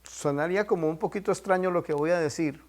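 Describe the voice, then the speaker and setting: A man with a high voice teaches a Bible class. He drives his points home by saying them again and prompting the listeners to call out answers. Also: fast, a little hiss or hum. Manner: quizzes listeners with prompting questions; emphatic, repeats key points.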